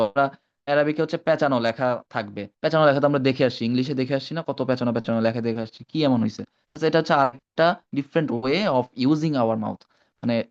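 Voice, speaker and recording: A man's voice: mid-range voice, a little mellow. A man teaching an online Arabic class. He mixes in English words and keeps checking that his students follow. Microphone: video call. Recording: dull lo-fi online call audio.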